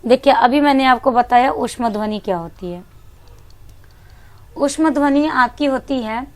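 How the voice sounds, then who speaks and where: Woman teacher, high voice, exam-prep lesson, quizzes herself aloud, repeats each answer, mixes in English. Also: unhurried. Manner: asks questions and answers them herself, repeats key points; mixes English words into Hindi.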